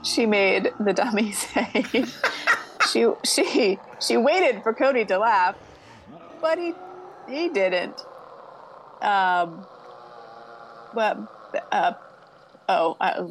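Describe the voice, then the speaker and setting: Slow-reading woman podcast host, giggly. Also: mid-range voice, expressive, slight background noise. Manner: giggly, stumbles and restarts while reading. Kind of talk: reading a book aloud with banter.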